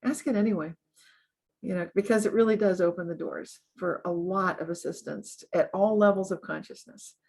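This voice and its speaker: Husky, earnest woman guest. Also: fairly low pitch, normal speed. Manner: earnest, upbeat, laughs often, animated when giving advice. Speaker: interview guest, author. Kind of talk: conversational interview.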